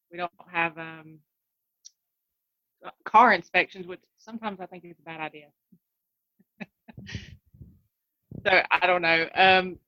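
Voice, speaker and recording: A woman with a rural Carolina accent and folksy country drawl, chatting casually in a soft, nervous, hesitant voice as a call-in guest. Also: on the low side, no echo, highs cut off. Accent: Southern US, rural Carolina. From North Carolina, US. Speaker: guest calling in to a live show. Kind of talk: casual chat.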